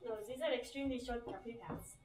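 A woman's voice: fairly high pitch, steady tone, fast talker, a little mellow, soft background music, close to an everyday voice. A woman playing a young Gretel in a school stage comedy, with a put-on German accent and broken, childlike wording. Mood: fussy. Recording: echoey room from far off.

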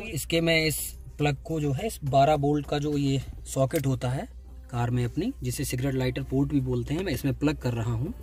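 A man hosting his own channel, explaining a car gadget step by step from inside a parked car. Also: mid-range voice. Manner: explains step by step, points at parts. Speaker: YouTube channel host. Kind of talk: casual product demo.

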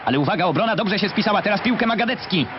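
A man giving brisk, emphatic scripted commentary as an old newsreel narrator, recorded as a studio voice-over. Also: high-pitched, animated, background noise. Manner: brisk, emphatic announcer delivery. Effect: old newsreel soundtrack. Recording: dull lo-fi 1960 newsreel audio with loud music. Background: loud music.

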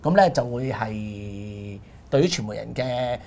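A man's voice: fairly low pitch, expressive, a little mellow, a little hiss or hum. A man with a Hong Kong Cantonese accent, co-hosting a casual panel talk, questioning and seeking agreement. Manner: fast, questioning, keeps asking "係嘛". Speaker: co-host.

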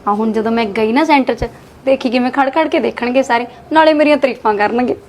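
A woman's voice: on the high side, quick pace, a little mellow, a little hiss or hum, natural voice. A young woman playing a spoiled college-going daughter who snaps back at her sister-in-law and begs her father for money. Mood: boastful. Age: young adult. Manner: snappy, talks back. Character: spoiled, vain, sharp-tongued young daughter. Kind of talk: Punjabi short-film acting.

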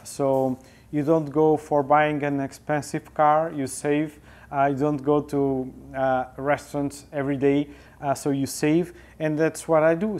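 A photojournalist in his forties with a Portuguese accent answers interview questions thoughtfully, hesitating often with fillers. His voice is on the high side with a darkish tone, picked up by a lapel mic in an indoor studio with a sofa.

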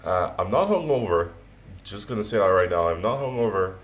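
A man in his twenties chatting casually to the camera at home, sounding tired and low-key, rambling with pauses. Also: lively intonation, lo-fi sound. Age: 20s. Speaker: daily vlogger. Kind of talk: casual vlog chat to camera. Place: home kitchen-living room, indoors. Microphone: camera at arm's length.

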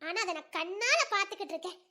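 Woman doing a hurt young wife in an audio drama, real high bright voice, quick and sharp. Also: expressive, full character voice. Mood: bitter. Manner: sharp, bitter, reproachful.

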